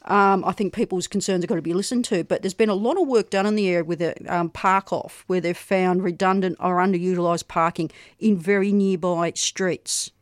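An Australian woman hosting a radio show, chatting casually with quick self-deprecating asides. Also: lowish voice, steady tone, no echo, clean studio sound. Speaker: radio host.

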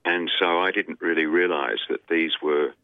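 Deep-voiced Australian man on a phone line. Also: dry recording. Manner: halting, many ums and uhs. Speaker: guest. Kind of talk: telling his life story on air. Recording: dry tinny phone line.

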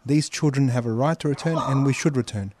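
A man's voice: mid-range voice, a little fast, noisy background. A male radio show host talking earnestly in an interview, with some restarts.

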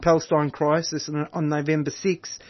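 Aussie bloke co-hosting radio, slightly high voice, dry dull sound, trips over words sometimes. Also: male voice, flat delivery, moderate pace, dry recording. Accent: Australian. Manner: easygoing, stumbles and self-corrects. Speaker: radio co-host. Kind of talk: reading a news rundown.

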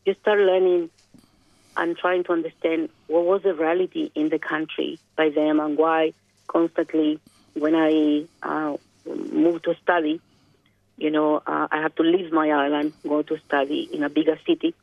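A woman's voice: sits low, level tone, normal speed, creaky, dry recording. A woman from Chile with a Chilean Spanish accent, a guest in an interview, speaking reflectively and searching for her words. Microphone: telephone. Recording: dry, tinny phone line.

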